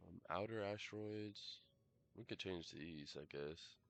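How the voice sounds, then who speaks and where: Low gravelly man rambling over a game. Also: a little slow. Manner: rambling and hesitant, many fillers and self-corrections. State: coughing, clearing throat. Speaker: game streamer. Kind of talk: casual live commentary while gaming.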